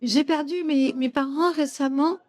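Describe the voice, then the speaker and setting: A flustered, distraught caller, as a woman acts her out in a prank call, rambling and pleading. Her voice sits high. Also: fairly even intonation, unhurried, a little mellow, no room sound.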